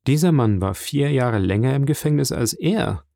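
A man reading a novel aloud in measured, even scripted narration. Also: mid-range voice, creaky, no room sound, studio quality. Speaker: audiobook narrator.

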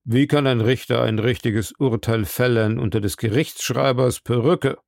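A man voicing a slow, pompous older male judge in a storybook reading, speaking in a deliberate way. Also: medium pitch, fairly even intonation, gravelly, darkish tone, dry recording, studio quality, lightly acted. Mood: officious. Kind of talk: audiobook character voice.

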